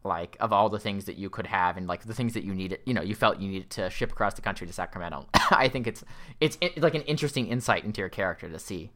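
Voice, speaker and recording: Bright-voiced man rambling on a podcast. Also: lowish voice, fast. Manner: rambling, many fillers and restarts. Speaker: podcast co-host. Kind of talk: casual podcast chat.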